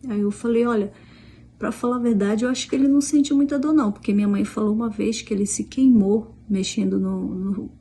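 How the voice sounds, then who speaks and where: This middle-aged Brazilian vlogger and mother speaks a little fast in a steady, dark, husky mid-range voice. With her Brazilian Portuguese accent, she casually recounts a conversation, repeatedly restarting and quoting the other people's words.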